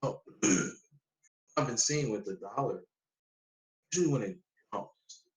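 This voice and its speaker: A man's voice: lowish voice, animated, slow pace, roomy sound, rough recording. A man chatting casually over a remote call, his voice cutting in and out so word endings get clipped off. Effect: voice cutting in and out, clipped word endings from a noise gate. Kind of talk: casual chat. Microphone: remote call mic.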